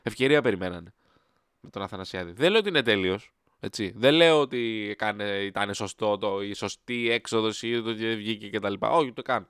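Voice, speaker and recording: A man's voice: fairly low pitch, fairly bright tone, clear, resonant tone, dry recording, studio quality. A man hosting a solo football podcast, talking in a heated, sarcastic rant with his voice jumping up when riled.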